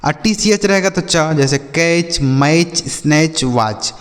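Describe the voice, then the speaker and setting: A man teaching a classroom reading drill, his voice sitting fairly high. He asks the learners a question, then answers it himself and repeats the sound. The room gives his voice a long, ringing reverb. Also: slow. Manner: addresses learners as children and brother. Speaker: English teacher. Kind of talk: classroom phonics lesson.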